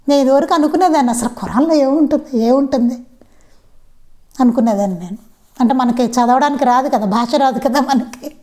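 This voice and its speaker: A woman's voice: sits high, mellow. A woman giving a devotional satsang talk. She asks rhetorical questions and repeats the key lines again and again. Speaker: satsang speaker.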